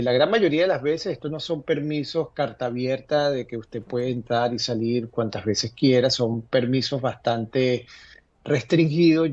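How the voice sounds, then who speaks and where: A man answering viewers' legal questions in a live advice segment, talking haltingly with many fillers and restarts. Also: medium pitch, no echo, dull audio.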